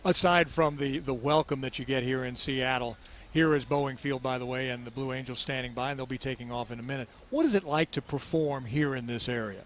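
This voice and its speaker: A man's voice: mid-range voice, fairly quick, a little hiss or hum. A man hosting a live television broadcast, giving air show commentary and putting questions to a guest. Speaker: television host.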